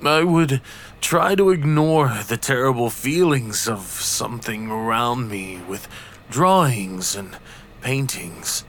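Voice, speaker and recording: A haunted, reclusive artist, played by a man, unburdens himself in a slow, hushed, brooding tone. His pace drags, and each word lands heavily. A faint hiss sits under the recording. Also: mid-range voice. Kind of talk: horror story reading.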